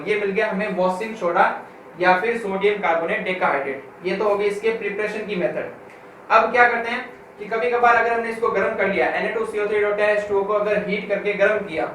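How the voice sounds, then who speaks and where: A male school chemistry teacher lecturing a class. His voice sits high, and he asks questions and answers them himself. The sound is very echoey and comes from a distance across the room. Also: steady tone, a bit bright. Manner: reads English textbook lines slowly, word by word. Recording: echoey room from far off, with faint noise.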